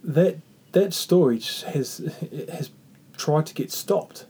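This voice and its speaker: A man with a New Zealand Māori accent hosting a reflective faith talk, speaking earnestly and haltingly with repeated phrases. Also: a little high, mellow, husky. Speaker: podcast host.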